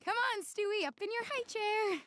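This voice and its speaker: A woman's voice: very high-pitched, normal speed, noisy background. A woman voicing a whiny, anxious teenage girl in a cartoon.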